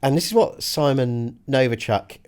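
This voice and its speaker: British male podcast host, lively intonation, rambling casual banter with dry, teasing humour. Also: medium pitch, moderate pace.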